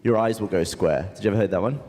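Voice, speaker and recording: A man with a British accent joking on a casual podcast. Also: lowish voice. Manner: animated, quick quips. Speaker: podcast regular. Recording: long reverb, faint noise.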